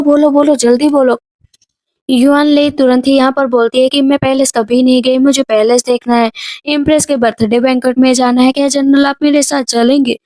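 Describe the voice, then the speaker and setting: Brief: high-pitched woman, drama recap narrator, voices characters in passing, dry close sound. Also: darkish tone, dry recording. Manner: quick narration, briefly voicing each character's lines.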